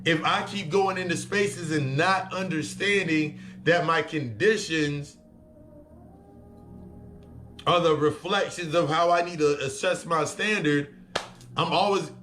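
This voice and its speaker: At a measured pace, a spiritual reader and life coach speaks in a slightly high, somewhat bright voice. The motivational self-help monologue is blunt and profane, with his points repeated for emphasis.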